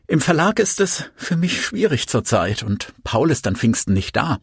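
A man's voice: mid-range voice, very animated, normal speed, a little hiss or hum, voice pushed up. A man voicing a coaxing, pleading woman.

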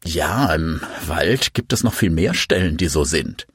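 A man's voice: extremely low pitch, lively intonation, measured pace, husky, no room sound, studio quality, pitched below the performer's own voice, heavily acted. A man reading an audiobook, voicing an evasive, guarded young man who speaks curtly and dismissively.

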